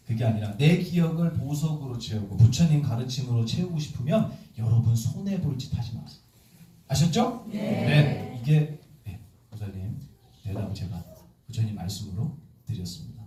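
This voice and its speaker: A man's voice: medium pitch, far from the mic. A man, a Buddhist monk, giving a sermon with questions to the audience, acting out quoted voices and joking, in an echoey temple hall a little off the mic. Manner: lively, acts out quoted voices and jokes.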